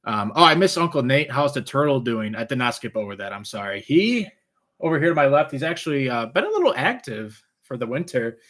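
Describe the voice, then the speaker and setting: A man's voice: mid-range voice, big pitch swings, brisk, a bit bright. Easygoing guy on a livestream, says w for r, medium voice, kinda rambles while chatting with viewers. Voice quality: trouble pronouncing R's, sounding them like W. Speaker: live stream host. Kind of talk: casual chat, answering viewer questions.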